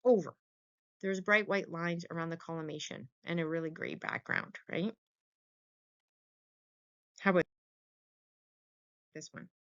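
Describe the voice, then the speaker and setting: A veterinary radiography lecturer teaches in a low-pitched, fairly bright voice, speaking at a measured pace and pausing often. Her style is informal and conversational, with frequent short questions to check on students, captured in a dull, lo-fi voice-over recording.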